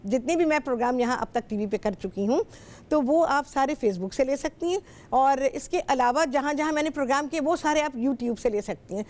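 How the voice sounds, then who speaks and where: In a television studio, a middle-aged woman with a Pakistani Urdu accent hosts a cooking show, chatting with callers. Her voice is high, a little fast, and darkish in tone. She's talkative and instructive, and she repeats herself often.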